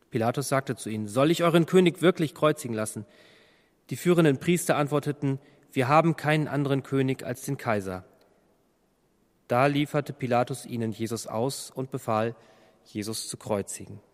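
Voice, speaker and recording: A man's voice: medium pitch, normal speed, pauses often, long reverb tail. A man reading a Bible passage aloud and then commenting on it as a preacher.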